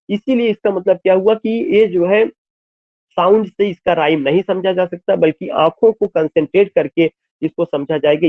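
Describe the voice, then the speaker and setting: A man's voice: high-pitched, dry recording. A man teaching, explaining exam questions step by step and mixing Hindi with English terms, asking and answering his own questions. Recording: dry, tinny phone-like sound.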